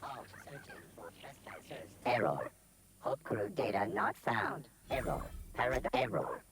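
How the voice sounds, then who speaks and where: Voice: medium pitch, very animated, unhurried. A voice actor playing a malfunctioning video game security robot whose voice glitches and stutters through error messages. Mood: glitching.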